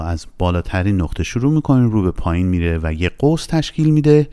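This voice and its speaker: A patient male language teacher, explaining letters and sounding out example words slowly and deliberately. His voice sits very low, yet it rises and falls a great deal as he stresses points. The tone is dark and mellow. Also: no echo, studio quality. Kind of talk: recorded Russian lesson in Persian.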